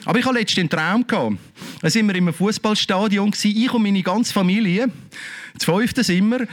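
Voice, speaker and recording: A middle-aged man with a Swiss German accent preaching a sermon as pastor, fervent and exclamatory, tossing rhetorical questions at the congregation. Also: sits high.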